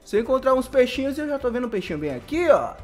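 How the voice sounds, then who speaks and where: Young brazilian guy yelling over a dino game, voice jumps all over, music faint behind. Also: very high voice, very fast. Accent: Brazilian Portuguese. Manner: excitable, laughing often, slangy. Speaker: gaming YouTuber. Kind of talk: live gameplay commentary.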